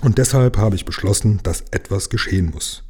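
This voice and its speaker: A man reads as a fussy storybook king, pompous and fretful, weighing every decree with sighs. The voice is low, mellow and husky, and it rises a little above the reader's own. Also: fairly quick. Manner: sighing, self-important official tone.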